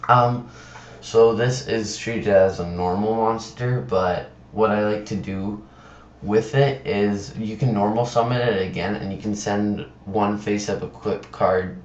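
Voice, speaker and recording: A man giving casual commentary on a screen recording, halting and stumbling over words, sick with a sore tongue and throat. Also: fairly even intonation, a little hiss or hum. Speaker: presenter of card game videos. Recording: dull, roomy low-fi computer mic.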